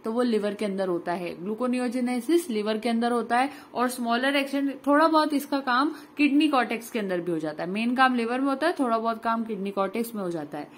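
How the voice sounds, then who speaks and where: A woman with an Indian accent teaching an exam revision lesson, explaining points, asking and answering her own questions, and reading English notes out slowly. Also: fairly high pitch. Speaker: online exam-prep tutor. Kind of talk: Hindi-English revision lecture.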